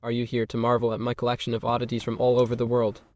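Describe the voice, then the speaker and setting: Brief: a man doing a courteous, inquisitive curio collector in a game, flat even delivery, dry close sound. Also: medium pitch, very fast, no room sound, dull audio, natural voice. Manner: formal, courteous, keeps asking questions. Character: polite, nosy male collector of oddities. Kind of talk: game character dialogue.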